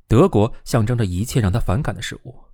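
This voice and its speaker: A man narrating a novel as an audiobook reader, reading in an expressive, steady way. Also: fairly low pitch, fast talker, no echo, studio quality. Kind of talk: scripted narration.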